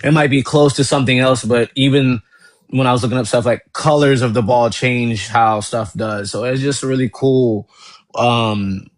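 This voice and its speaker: A man talking in a casual chat, rambling and excited, often laughing as he goes. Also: mid-range voice, normal speed, no echo. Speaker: guest.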